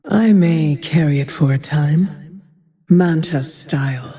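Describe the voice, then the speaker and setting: Vengeful ranger heroine, dark mellow tone, long reverb, terse brooding lines, fantasy game. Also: female voice, low voice. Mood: brooding, resolute. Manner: measured, terse, brooding delivery. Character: grim, vengeful, haunted female ranger hero. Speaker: video game voice actor. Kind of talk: fantasy game hero voice lines, short barks.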